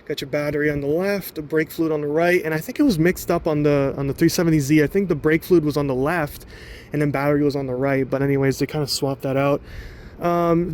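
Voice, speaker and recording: Slightly high-voiced man rambling about a car. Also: a little mellow, slight background noise. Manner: rambling, loose, many fillers. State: a bit out of breath. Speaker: car vlogger. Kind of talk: casual car walkaround.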